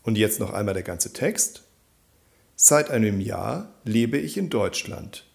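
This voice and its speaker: A man teaches a grammar lesson at an unhurried, deliberate pace. His low voice has a gravelly edge, and his pitch rises and falls widely as he stresses each answer. He reads every sentence out clearly and then says it again. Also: expressive, a little mellow. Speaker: German teacher.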